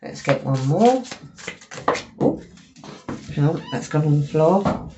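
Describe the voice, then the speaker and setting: Sniffling with a cold, a woman gives a chatty, apologetic tarot reading to camera, her low, expressive voice moving slowly and full of fillers. The recording is dull and lo-fi, with faint noise.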